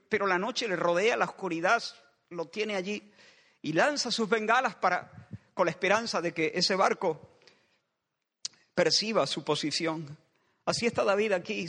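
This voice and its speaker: A man's voice: high voice, bright, forceful tone. A man preaching a sermon in a church, building passionate pleading refrains that circle back again and again. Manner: impassioned, with repeated pleading refrains. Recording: long reverb of a large hall.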